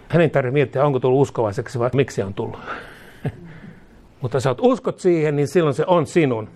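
A man preaching a sermon, mixing casual speech into the preaching and rising louder and higher on emphatic points. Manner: mixes colloquial speech into preaching, chuckles between points; rises in pitch and volume on emphatic lines.

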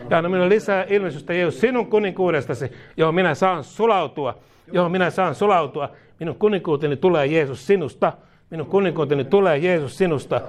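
Man leading fervent repeated charismatic prayer. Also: high-pitched. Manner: repeats each phrase, commanding declarations. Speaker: prayer leader.

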